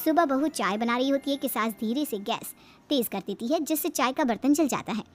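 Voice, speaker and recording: A woman's voice: sits high, brisk, faint music behind. Dramatic woman cartoon narrator. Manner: dramatic, storytelling. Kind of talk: scripted storytelling narration.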